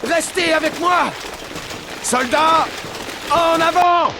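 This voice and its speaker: A man's voice: very high-pitched, slow, background noise, exaggerated voice. A man playing an eager, obedient medieval soldier in a strategy game, barking clipped martial replies and battle commands. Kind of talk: video game unit barks.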